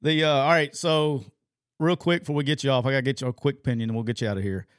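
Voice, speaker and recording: A man's voice: medium pitch, steady tone, fast, no echo. A man hosts a sports chat. His delivery is informal and folksy, full of colloquial turns. The recording is dry and close, with little room sound. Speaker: sports podcast host.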